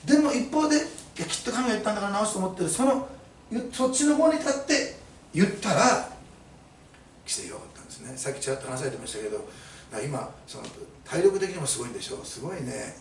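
A man's voice: high-pitched, lively intonation, fast, a little hiss or hum. A male pastor preaching a sermon to his congregation, emphatic and fond of rhetorical questions, recorded in an echoey church hall from a distance. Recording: echoey room, mic at a distance.

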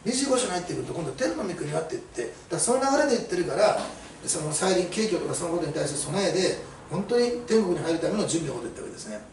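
A man's voice: high-pitched, lively intonation, very fast, a little mellow. A middle-aged man preaching a sermon as a pastor, telling stories chattily with many fillers. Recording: roomy, mic at a distance, faint hiss.

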